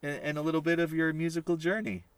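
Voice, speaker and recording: A man's voice: on the high side, steady tone, fast, smooth, dry recording. Upbeat, chatty male podcast host, recorded in a van. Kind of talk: casual podcast interview. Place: parked family van.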